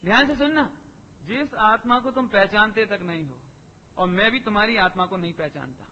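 A man's voice: high-pitched, bright, forceful tone, a little hiss or hum. A man giving a sermon, putting rhetorical questions to his listeners and repeating phrases for emphasis. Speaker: preacher. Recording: long hall reverb, dull lo-fi sound.

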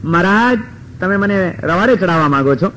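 A male storyteller voicing a scheming young married man who pleads and cries out loudly. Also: high voice, animated, normal speed, a little hiss or hum, low-quality recording. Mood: suspicious.

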